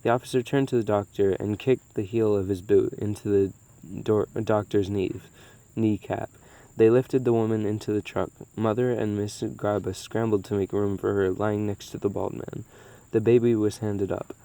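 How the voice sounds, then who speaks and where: A man reading a novel aloud in a steady way, with small slips and restarts. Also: on the low side, moderate pace. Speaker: audiobook reader.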